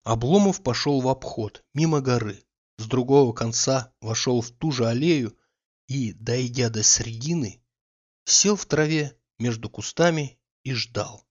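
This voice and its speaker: Man, audiobook narrator, measured, calm, classic novel, dull lo-fi sound. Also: medium pitch. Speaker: audiobook reader.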